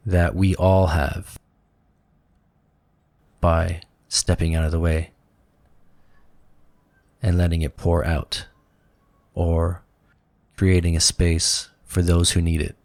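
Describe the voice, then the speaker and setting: A man's voice: low-pitched, flat delivery, slow, long pauses, a little mellow, no echo. A man co-hosting a spiritual talk show, telling a personal story in an earnest, reflective way, with many fillers. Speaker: podcast co-host.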